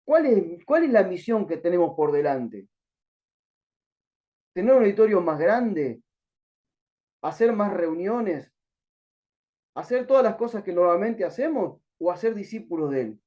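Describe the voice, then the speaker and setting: A man's voice: high voice, sing-song, unhurried, pauses often, lo-fi sound. A man teaching a Bible class at a missionary school, asking rhetorical questions and restarting sentences as he searches for words.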